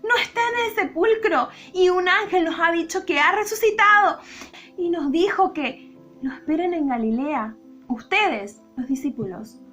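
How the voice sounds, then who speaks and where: A woman voicing a group of excited women bringing urgent news, with a Rioplatense Spanish accent. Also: very high-pitched, unhurried, faint music behind, pitched above the performer's own voice, full character voice. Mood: urgent excitement. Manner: breathless, urgent. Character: excited women back from an empty tomb.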